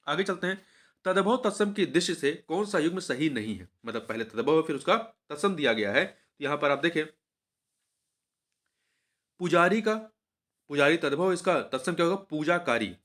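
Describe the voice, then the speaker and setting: A man's voice: on the high side, a bit bright. A male teacher going through an exam paper, repeating each answer and asking the viewer questions as he goes.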